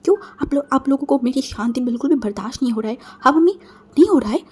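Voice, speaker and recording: A woman voicing a furious young man who hurls loud threats and commands in a told story. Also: high voice, animated, fast, husky. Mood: cold anger.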